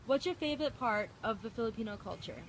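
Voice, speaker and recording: Brisk woman interviewer. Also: a little high, expressive, a little hiss or hum. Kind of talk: reading interview questions.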